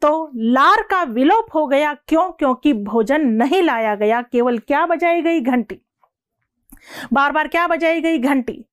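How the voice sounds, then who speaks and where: A woman teacher giving a lecture, asking her students questions and repeating the definitions slowly, word by word. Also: sits high, animated, no echo, studio quality. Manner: repeats and asks the class questions; slows down to read definitions word by word. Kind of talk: classroom lecture.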